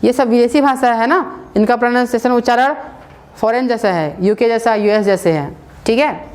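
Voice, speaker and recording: A woman's voice: on the high side, moderate pace, darkish tone. A woman teaching a spoken English class in a casual, repetitive way, often checking with her listeners and mixing English words into her talk.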